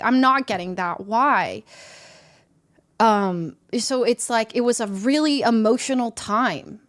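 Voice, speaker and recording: Appearing as a guest on a stream, a young woman chats casually, telling animated stories that swing between loud excitement and quiet muttering. She laughs a lot as she talks.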